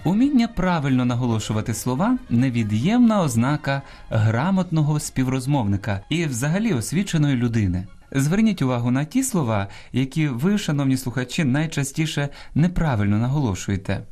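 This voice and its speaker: A man's voice: medium pitch, very animated, brisk, darkish tone, faint music behind. A man hosting a radio program on correct language, explaining common mistakes word by word in a didactic manner from a studio.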